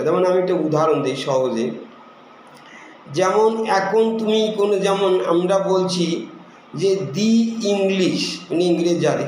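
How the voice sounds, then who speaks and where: Male teacher, high-pitched, methodical, example after example; room echoes heavily. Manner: explains rules step by step with many examples; reads English examples slowly and deliberately. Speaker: English teacher. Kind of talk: spoken English lesson. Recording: very echoey room with faint noise.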